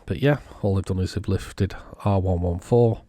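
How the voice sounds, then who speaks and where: A man giving casual, unhurried technical commentary, thinking aloud as he inspects a circuit board. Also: deep voice, warm tone, no echo. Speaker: electronics repair vlogger.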